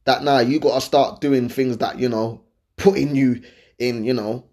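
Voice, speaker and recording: A man's voice: medium pitch, fairly even intonation, moderate pace, darkish tone. London man giving casual, slangy advice. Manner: slangy, conversational, checks in with listeners often. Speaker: host giving dating and lifestyle advice. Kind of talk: casual opinionated chat to viewers.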